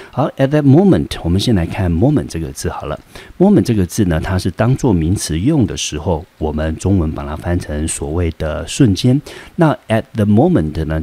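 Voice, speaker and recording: A man's voice: deep voice, mellow, breathy edge. A man teaching an English grammar lesson, explaining step by step and asking rhetorical questions as he goes. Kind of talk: classroom lecture explaining grammar.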